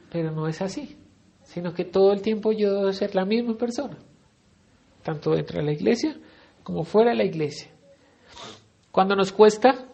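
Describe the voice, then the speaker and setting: A man's voice: sits high, vocal fry, a little mellow. A middle-aged man with a Colombian accent teaching a Bible study sermon in a conversational way, often asking his listeners questions. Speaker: preacher.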